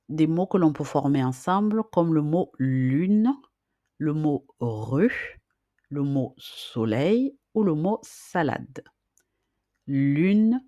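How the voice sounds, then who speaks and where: Slow, patient reading teacher. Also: medium pitch, darkish tone, dry recording, studio quality. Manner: drills syllables and repeats questions patiently; casual fillers between explanations. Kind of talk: slow, deliberate teaching for beginners.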